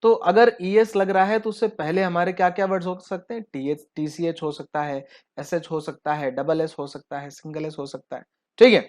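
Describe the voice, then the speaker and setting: A man teaching an English grammar lesson. He asks his students questions and answers them himself, spells out word endings slowly letter by letter, and keeps checking in with a quick "Done this?". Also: on the high side, steady tone, a little mellow. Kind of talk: classroom-style video lesson.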